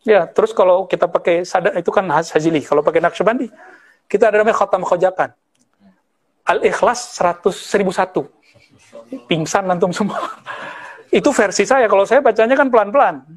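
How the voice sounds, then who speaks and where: High-voiced Indonesian preacher man. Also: a little fast, pauses often. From West Sumatra, Indonesia. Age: 30s. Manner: conversational, teasing, mixes Arabic terms. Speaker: Islamic preacher. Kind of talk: religious study lecture.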